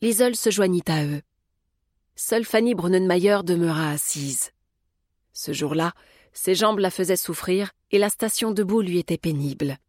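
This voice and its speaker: A woman reading an audiobook as narrator, in a calm, measured way. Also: lowish voice, no echo, studio quality. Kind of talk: scripted narration.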